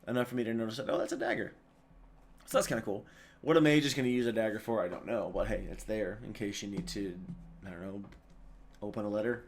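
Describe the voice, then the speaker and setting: A man's voice: fairly low pitch, quick pace. A tired man hosting a video, giving casual, rambling commentary full of fillers and restarts. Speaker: video host.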